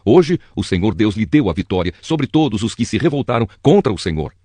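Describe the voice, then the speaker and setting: A man's voice: on the low side, big pitch swings, a little fast, mellow, no echo. A man voicing a solemn servant messenger.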